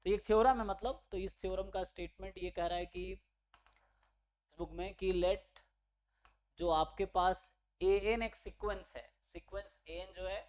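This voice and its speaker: Speaking a little slowly in a steady tone, a high-pitched man from India teaches maths for exam preparation online, with a faint hiss or hum in the background. His method is step-by-step explanation, sprinkled with English terms, with regular check-ins with his listeners.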